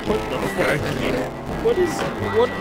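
High-voiced man in hysterical laughing fits. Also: huge pitch swings, measured pace, low-quality recording. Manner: sweary, exclaiming. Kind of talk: casual reaction chat while watching game clips. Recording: loud music, game audio behind voice. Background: game clip music and sounds.

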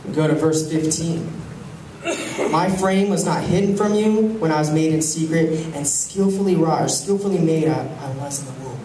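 A young man preaching a sermon on a handheld mic, animated, swinging from loud to hushed. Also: on the high side, moderate pace. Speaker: pastor. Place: large church hall with stage. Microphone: handheld mic, filmed from the pews. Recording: echoey hall, far camera, faint hum.

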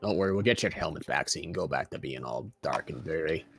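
A man doing a gruff dwarven captain. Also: extremely low pitch, expressive, fast, a bit bright, faint music behind, pitched below the performer's own voice, full character voice. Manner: curt, gruff, says "aye". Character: gruff male dwarven mining captain, stern. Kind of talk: tabletop role-play over voice chat.

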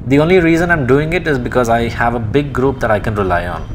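A man's voice: medium pitch, fast talker. A young man from India narrating a motorbike trip in an easygoing, plain-spoken way through a helmet mic. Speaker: motovlogger. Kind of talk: casual travel vlog narration. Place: on a motorbike on a road. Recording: road and engine noise behind.

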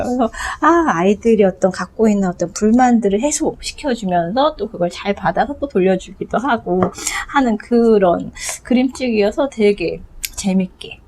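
A woman's voice: mid-range voice, warm tone, a little hiss or hum. A woman reviewing picture books in a chatty way, with many fillers and frequent laughs. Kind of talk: casual book review.

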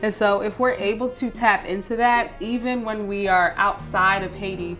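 A woman's voice: mid-range voice, steady tone, moderate pace, fairly bright tone, faint music behind. A woman in her thirties from Philadelphia, a research scientist, speaking reflectively about family and food. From Philadelphia, USA. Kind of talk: documentary interview.

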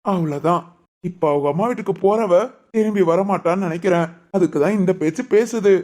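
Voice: mid-range voice, a little fast, a little mellow, natural voice. An actor voicing a sarcastic husband in a Tamil cartoon, teasing his wife and grumbling to himself. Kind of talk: cartoon voice acting.

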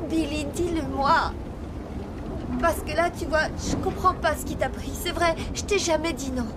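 A woman's voice: sits high, moderate pace, very noisy, natural voice. An actress playing a bitter, wounded young woman in a French-dubbed TV drama, accusing and sarcastic. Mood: reproachful. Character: bitter, wounded young woman confronting her unfaithful boyfriend.

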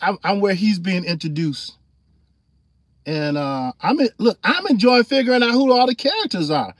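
Loud, animated man chatting on a livestream. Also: high voice, normal speed, dry recording. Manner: loose and animated, laughs often, reads chat aloud, gets loud then calms down. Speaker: livestream host. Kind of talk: casual livestream chat.

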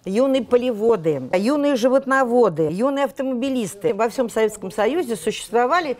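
A woman's voice: fairly high pitch, lively intonation, a little fast, darkish tone. An older woman explaining past events as an interviewee. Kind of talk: explanatory reminiscence.

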